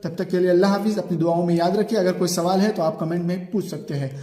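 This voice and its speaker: High-voiced man teaching recitation in an echoey room. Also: fairly even intonation, mellow. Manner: explains a rule, then recites example words slowly; asks "ठीक है?" to check the learner. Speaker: Quran reading teacher. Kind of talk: step-by-step recitation lesson. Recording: echoey room with long reverb.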